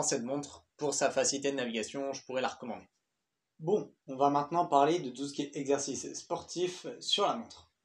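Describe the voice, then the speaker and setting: A man's voice: fairly high pitch, a little mellow. A young man talking casually through a smartwatch review, chatty and loose, with fillers and the odd swear word. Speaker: tech reviewer. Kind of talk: casual tech review vlog.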